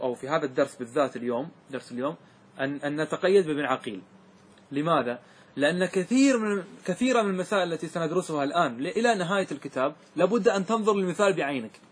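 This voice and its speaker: Male teacher, slightly high and husky, leads a classroom grammar lesson with questions. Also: lively intonation, very fast. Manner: asks students questions and repeats answers.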